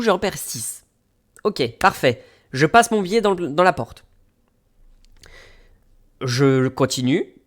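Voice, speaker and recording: A man streaming, casually telling a story to his chat and acting out the people he met. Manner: animated, acts out quoted people with jumps in pitch.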